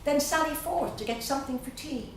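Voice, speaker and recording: An Irish woman from Dublin, appearing as guest poet at a literary evening, reads poems in an echoey event room. Her high-pitched voice is recorded from a distance with slight background noise. She reads slowly and deliberately with pauses, and between poems she becomes chatty and hesitant.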